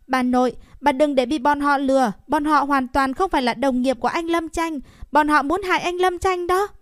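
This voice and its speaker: A woman voicing an angry young boy who shouts to protect his grandmother. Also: high-pitched, normal speed, dry recording, studio quality, pitched above the performer's own voice, natural voice. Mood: angry shouting. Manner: shouting, indignant.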